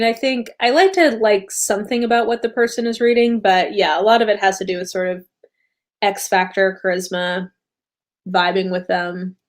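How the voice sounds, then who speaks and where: An American woman hosting a casual live stream about books, tired after a long day, rambling with many fillers and self-corrections and often laughing. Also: mid-range voice. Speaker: booktube host.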